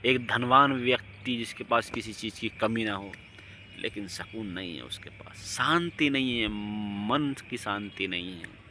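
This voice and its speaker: A man's voice: unhurried, sharp tone. Preachy man, noisy outdoor recording. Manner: preachy, rising to emphatic outbursts then dropping low. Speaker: religious speaker. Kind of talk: impassioned outdoor monologue.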